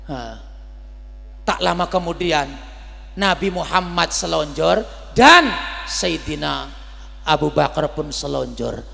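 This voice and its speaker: A bright, gravelly male preacher tells a sermon story with theatrical flair, his voice jumping into shouted highs. The sound rings in a long hall reverb, and a mains hum runs underneath. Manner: theatrical, leaps to shouted high peaks when acting out quotes.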